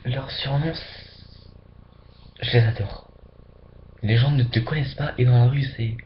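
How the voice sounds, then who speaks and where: A man's voice: mid-range voice, fairly even intonation, slow pace. A man from France chatting casually into his webcam, rambling and dropping into whispers for emphasis. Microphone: webcam mic. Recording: dull lo-fi webcam audio with faint hiss.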